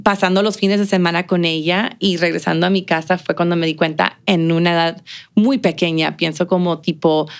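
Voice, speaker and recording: A woman's voice: on the low side, steady tone, a little fast, clear, resonant tone. A woman from the border region being interviewed, talking reflectively with many fillers and some English phrases. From United States, El Paso border region. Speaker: interview guest, business owner. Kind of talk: casual conversational interview.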